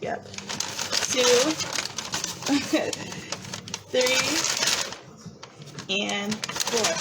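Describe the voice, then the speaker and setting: A woman's voice: mid-range voice, vocal fry, very noisy. A woman from New Jersey with a New Jersey accent, chatting playfully and giggling as she demonstrates a recipe in her home kitchen. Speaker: cooking vlogger. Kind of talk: casual cooking demonstration. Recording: loud music playing behind her. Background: hip hop and EDM music.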